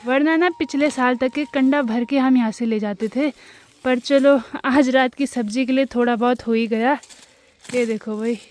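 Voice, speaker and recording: A woman's voice: high-pitched, fairly even intonation, normal speed, a little mellow. A young woman, vlogging casually outdoors in a hillside farm field and chatting to her viewers as friends. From Uttarakhand hills, India. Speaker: village lifestyle vlogger. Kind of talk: casual explanatory vlog chat.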